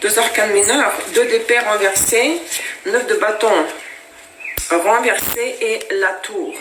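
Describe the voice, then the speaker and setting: At home with her cat, a Russian-born woman gives viewers a casual tarot reading, chatty and explanatory but full of hesitations. She speaks slowly at medium pitch with a slightly bright voice, in an echoey room with a little hiss or hum.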